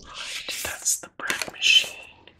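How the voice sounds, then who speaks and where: A woman doing an ASMR whispered role-play as a librarian, in a breathy, unvoiced library whisper, pausing between short phrases. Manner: slow, unhurried, with gaps between short phrases. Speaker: ASMR host playing a librarian at a book fair.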